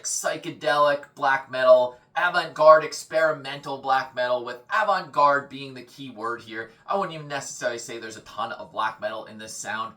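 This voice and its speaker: A man talks his way through a run of album reviews in a relaxed, conversational monologue. His voice sits at a middle pitch and has a bright, forward edge. He keeps it loose and chatty, leaning on filler words as he goes.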